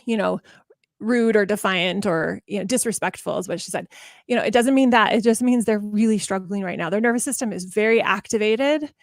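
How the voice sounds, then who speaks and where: A woman speaking as a parenting coach in a casual podcast interview, talking in animated bursts with many restarts, and acting out the voices of parents and children. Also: medium pitch, a little fast, vocal fry, no room sound, clean studio sound.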